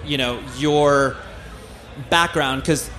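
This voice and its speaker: A man's voice: on the high side, slow, bright, forceful tone. An American man hosting a casual live interview in a chatty, effusive, conversational way. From California, United States. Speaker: podcast host, interviewer. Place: live stage at a music festival. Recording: background noise, live festival stage.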